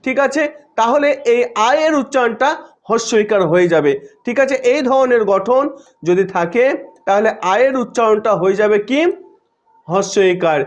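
A man teaching English pronunciation, patiently repeating and spelling words out slowly. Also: sits high, expressive.

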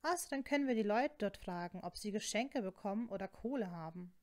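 A woman voicing a sharp-tongued, exasperated young witch who talks in a snappy, indignant way, in a storybook reading. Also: mid-range voice, lively intonation, fairly quick, natural voice.

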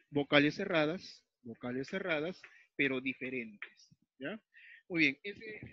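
Writing at a whiteboard or tablet, a Peruvian teacher guides his class through grammar step by step, repeating each rule and checking in often with "¿ya?". His voice is a little high for a man and a bit bright. The audio is dull and dry, without room echo.

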